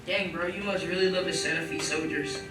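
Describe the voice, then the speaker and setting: A man's voice: fairly high pitch, fairly even intonation, brisk, natural voice. A young male performer playing a casual, stubborn college football star in a stage play. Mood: dazed, casual. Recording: echoey hall, distant, music behind.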